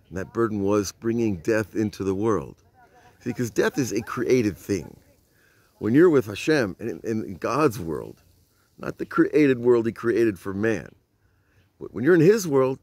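An older man with a mid-range, darkish voice leads a casual Torah lesson at night, outdoors among old stone walls, with no echo on the audio. He relates the story conversationally and poses rhetorical questions, captured by a phone camera held at arm's length.

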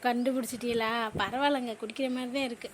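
A woman voicing a sweet young cartoon wife and student who speaks politely and gently to her husband. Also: a little high, steady tone, fast, slight background noise, close to an everyday voice. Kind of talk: cartoon comedy voice acting.

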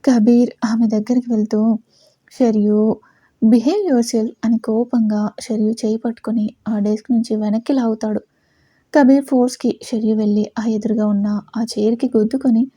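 Dark husky woman storyteller. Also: a little high, fairly even intonation, a little fast, no room sound, studio quality. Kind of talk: scripted audio story narration.

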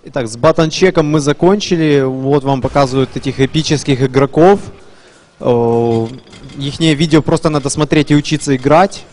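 A man's voice: medium pitch, normal speed, darkish tone. A man giving casual live commentary on a fighting game tournament, chatty, with playful asides. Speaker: esports commentator. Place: live gaming tournament event.

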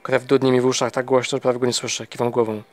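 A man narrating a novel in the first person at a middling pitch. His reading is steady and plain, though he stumbles and restarts a word now and then. It sounds like a home audiobook reading. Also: racing, soft background music. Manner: steady, with small slips and restarts.

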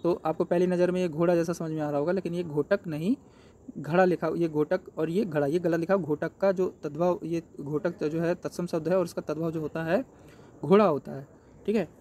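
High-voiced man tutoring Hindi exam questions. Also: darkish tone, slight background noise. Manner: explains step by step, asks and answers his own questions. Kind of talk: exam paper walkthrough.

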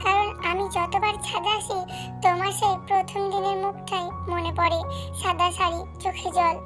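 A man's voice: very high-pitched, level tone, moderate pace, music in the background. A woman voicing a young man in love, tender and pleading.

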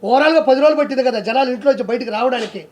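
A man's voice: extremely high pitch, rapid-fire. A man giving heated political commentary in an aggressive, accusing way, firing off rhetorical questions.

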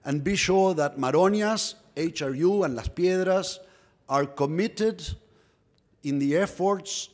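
A man's voice: fairly high pitch, slow, a little mellow. Middle-aged man, English; executive's earnest welcome address from a podium mic, long hall reverb. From Uruguay. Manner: earnest, proud, repeats words while searching for phrasing. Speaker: company executive giving a welcome speech. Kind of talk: formal welcome speech. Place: indoor press room at a podium. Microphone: podium microphone.

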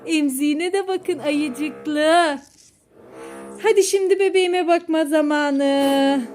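A woman's voice: sits high, slow pace, a little mellow, soft background music. A woman hosting a comedy video, cooing in sing-song baby talk as she looks after a pretend baby for the camera. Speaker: host caring for a pretend baby.

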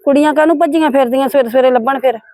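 Worried older Punjabi woman, high for her age, dry sound, rambling. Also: rapid-fire, darkish tone, no room sound. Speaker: actor in a family drama. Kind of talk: village family drama acting.

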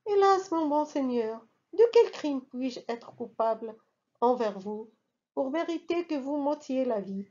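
A woman's voice: sits high, expressive, measured pace, mellow, lo-fi sound. A woman voicing a frightened male merchant who pleads for his life in a trembling manner. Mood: pleading.

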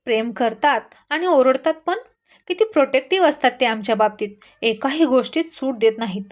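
A woman's voice: sits high, brisk, natural voice. A woman voicing a lazy college-age daughter who complains and pouts, read as part of a spoken story. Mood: complaining. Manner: complaining, whiny.

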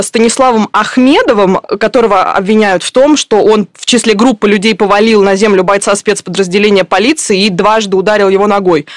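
A woman's voice: mid-range voice, no room sound, studio quality. A woman reporter explaining events in a news discussion at length, with many fillers and restarts.

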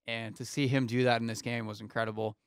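In a small foam-paneled studio, a young man co-hosting a casual sports chat show speaks into a close studio mic on an arm, wearing headphones. His medium-pitched voice is smooth and resonant and moves quickly, with no room sound in the dry audio. He goes through scores in a steady, easygoing rundown.

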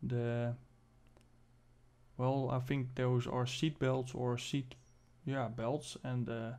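A man giving casual commentary as host of a game showcase, halting and thinking aloud as he demonstrates. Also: medium pitch, level tone, a little mellow. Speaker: video host presenting a game spaceship.

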